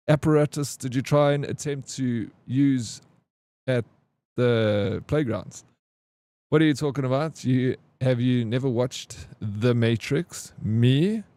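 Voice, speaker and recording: Male streamer, 40s, relaxed and jokey, dry close sound. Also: mid-range voice, no room sound. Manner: chatty, joking, reads and answers chat. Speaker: game streamer. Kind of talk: casual live-stream chat.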